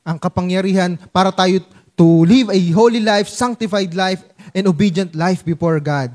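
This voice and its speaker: High-voiced Filipino pastor preaching. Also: male voice, moderate pace, darkish tone. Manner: playful preaching in Taglish, acting out little scenes for the congregation. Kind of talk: sermon.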